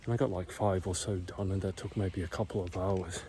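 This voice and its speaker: A middle-aged man whispers his casual walking vlog while climbing a hill in a quiet neighborhood, out of breath and hushed. His voice sits low and steady, moving a little fast, and there's slight background noise.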